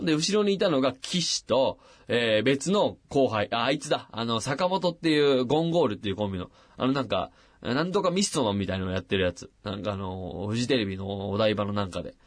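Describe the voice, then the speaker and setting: A man hosting late-night radio tells a long personal story in a relaxed way, bringing the quoted voices to life with big, animated pitch jumps. It's recorded on a studio microphone, dry and clean.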